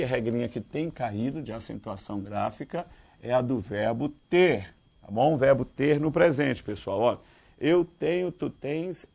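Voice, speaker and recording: Brazilian man, gravelly teaching voice. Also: medium pitch. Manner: lively, quizzes listeners with rhetorical questions; calls students "dear". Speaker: Portuguese teacher. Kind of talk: exam-prep grammar lesson.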